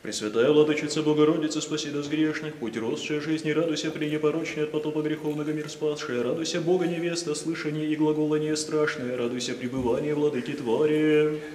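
A man's voice: a little high, little pitch movement, few pauses, darkish tone, a little hiss or hum. A man reciting liturgical prayers in a chant-like reading in a large church. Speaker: liturgical reader. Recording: echoey church with long reverb.

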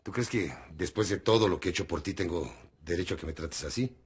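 Aggrieved man, low husky voice, wide pitch. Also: fast talker. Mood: resentful. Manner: resentful, insistent. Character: aggrieved man pleading on the phone.

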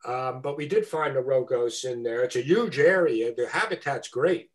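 A man's voice: mid-range voice, normal speed. A man speaking as guest presenter on a video call, answering questions with frequent fillers and restarts.

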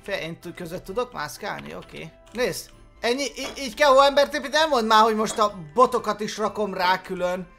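Male gaming YouTuber, bright cutting tone, playful and excitable commentary, faint music bed. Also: sits high, gravelly. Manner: excitable and jokey, with sudden loud exclamations. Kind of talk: let's play commentary.

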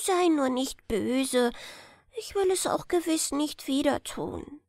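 A woman voicing a small, timid young boy hare who pleads softly and high in a bedtime storybook. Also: animated, takes it slowly, no echo, studio quality, exaggerated voice. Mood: pleading. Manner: soft, high, pleading and hesitant.

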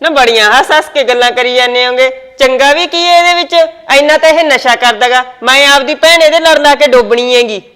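Fast-talking Punjabi woman, high voice. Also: fairly bright tone, smooth. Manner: quick, argumentative and defensive. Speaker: daughter-in-law in a family skit. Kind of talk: Punjabi village family skit.

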